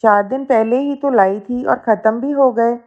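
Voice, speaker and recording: A woman's voice: fairly high pitch, moderate pace, close to an everyday voice. Stern suspicious mother-in-law read by a woman, scolding tone, muffled lo-fi sound. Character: stern middle-aged mother-in-law, quick to blame.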